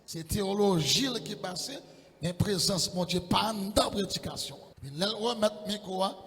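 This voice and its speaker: Impassioned preacher in an echoey church. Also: male voice, high voice, normal speed. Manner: impassioned, rising into shouted sing-song calls. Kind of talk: sermon.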